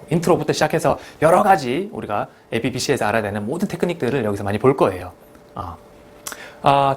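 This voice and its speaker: A man teaching a math lesson at a whiteboard, explaining terms step by step and checking in with his students. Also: fairly high pitch. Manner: talkative, mixes in English math terms, asks students "그죠?".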